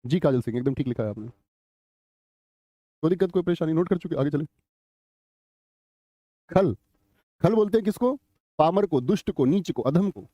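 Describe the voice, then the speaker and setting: A man's voice: a little high, expressive, moderate pace, long pauses, mellow, no echo, muffled recording. A man teaching a live online exam-prep class, chatty, quizzing students and reading their chat comments aloud. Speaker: Hindi teacher.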